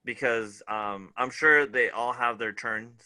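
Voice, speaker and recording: A man co-hosting a casual show review, talking in a relaxed way and trailing off mid-thought. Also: medium pitch, slow pace. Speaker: podcast co-host.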